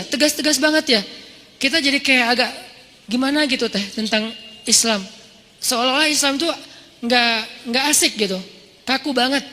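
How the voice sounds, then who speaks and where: A man giving a casual, conversational sermon, dropping into softer or raised tones to act out quotes. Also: very high voice, big-room sound. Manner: conversational, mimics tones when quoting. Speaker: Islamic preacher.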